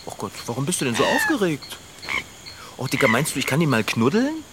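A man's voice: medium pitch, brisk, very noisy. Man playing a gushing young bike mechanic. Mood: cooing. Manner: lively, gushing, coos over cute animals. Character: cheerful young bicycle mechanic, easily charmed. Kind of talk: children's radio play acting.

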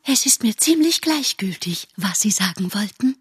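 Woman reader as a conceited male butterfly, light, high, breathy and aloof. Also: animated, a little slow, heavily acted. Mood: haughty. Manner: high, airy and condescending. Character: vain, affected male butterfly, haughty and aloof.

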